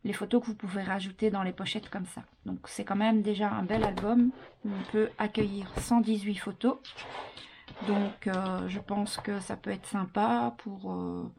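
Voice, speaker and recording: A woman's voice: medium pitch, steady tone, normal speed, vocal fry, background noise. A woman with an accent presenting a handmade scrapbook album at home in a chatty, step-by-step craft tutorial. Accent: non-French accent. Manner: chatty, counts and explains step by step with fillers.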